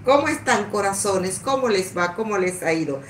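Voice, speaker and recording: A woman's voice: medium pitch, lively intonation, normal speed, far from the mic. A woman hosting a casual livestream, greeting viewers by name with affectionate pet names, chatty and laughing often. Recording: echoey room with faint background noise.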